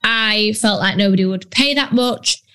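A woman from Yorkshire in northern England, working as a business coach, chats bluntly on her casual solo podcast with lots of ums and British slang. Her mid-range voice is smooth with a sharp tone, and she talks at a moderate pace.

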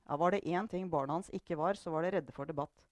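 A woman's voice: low voice, no echo. Woman reading a novel aloud, dry sound. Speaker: reader. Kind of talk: book reading.

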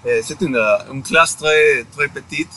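A man's voice: a little high, a little slow, bright, forceful tone, a little hiss or hum. A man whose first language is Spanish, answering interview questions in simple, brief phrases. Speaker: guest, board member. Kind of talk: casual conversational interview.

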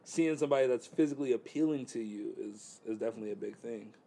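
A male guest in his thirties chats casually about dating, laid-back and rambling with lots of fillers. He talks quickly, his medium-pitched voice mellow with vocal fry.

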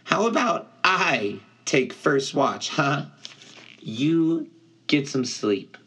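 Fields: Figure: a man voicing an earnest young satyr. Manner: soft, high. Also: sing-song, extremely slow, slightly rough, heavily acted. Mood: gentle, earnest. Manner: soft, coaxing, higher voice.

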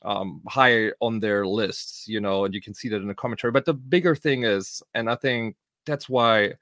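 A middle-aged native German speaker from Germany, with a German accent, co-hosts a podcast in loose, colloquial, casual chat. His pitch is fairly low, his pace moderate and his tone fairly bright. The recording is studio quality with no room sound.

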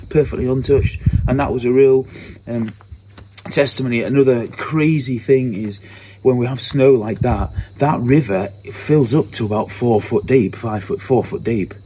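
A man's voice: mid-range voice, warm tone, a little hiss or hum. A man giving a spoken personal testimony at church, telling it earnestly and repeating phrases as he goes.

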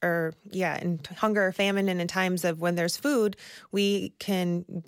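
A woman with a low, gravelly voice talks as a nutrition coach on a podcast. She explains in a measured, patient way, pausing to restart now and then. The sound is close and dry. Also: fairly even intonation, dry recording. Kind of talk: podcast conversation.

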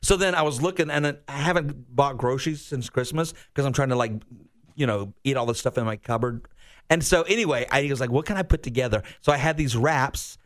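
An American man co-hosting a radio morning show in casual, chatty, animated, self-deprecating talk. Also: medium pitch, brisk.

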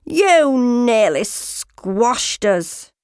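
A woman's voice: high-pitched, steady tone, slow pace, a little mellow, no room sound, studio quality, pitched above the performer's own voice. A woman voicing Lim, a nervous little male frog who cries out in panic. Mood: complaining.

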